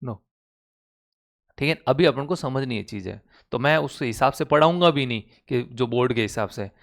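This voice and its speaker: A man's voice: mid-range voice, moderate pace, creaky. A man teaching chemistry in Hindi with a Rajasthani accent, constantly quizzing his students with call-and-response questions. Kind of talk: classroom lecture. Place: online class recording.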